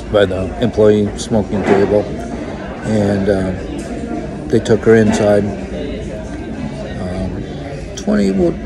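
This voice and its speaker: An older man recounting a story to his phone camera, halting and reflective, with many pauses and fillers. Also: on the low side, background noise. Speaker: vlogger. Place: indoors in a wood-panelled restaurant or bar. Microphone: phone held close, selfie framing.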